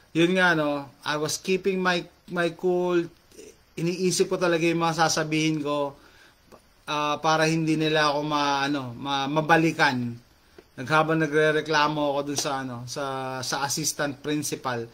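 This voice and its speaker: A talkative middle-aged man hosts a casual chat with his viewers, reading their comments aloud. His voice sits slightly higher than most men's. He switches freely between Tagalog and English phrases, leaning on fillers as he talks. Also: fairly bright tone.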